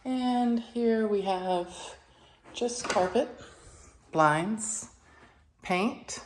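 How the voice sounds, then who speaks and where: A woman narrating an informal house walkthrough in a matter-of-fact way, listing items in short phrases with pauses. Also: medium pitch, background noise. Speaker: property renovation presenter. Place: inside a house, walking through rooms.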